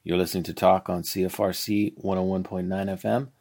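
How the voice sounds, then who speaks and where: A woman hosting a campus radio talk show, introducing her guest in a measured, formal way. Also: very deep voice, level tone, warm tone.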